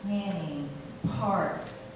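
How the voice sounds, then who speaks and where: Middle-aged woman candidate, low voice, halting stump speech, echoey distant room mic with noise. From Taiwan. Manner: halting, with fillers and restarts. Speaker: city council candidate. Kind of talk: campaign speech. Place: meeting room. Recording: echoey room from far off, noisy.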